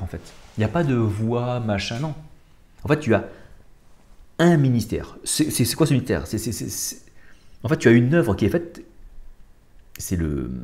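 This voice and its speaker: A man's voice: mid-range voice, dark tone. A man hosting his own channel, talking casually and thinking aloud as he looks up and compares scripture passages. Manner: colloquial, thinks aloud while looking up verses. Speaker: channel host. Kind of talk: casual spiritual commentary monologue.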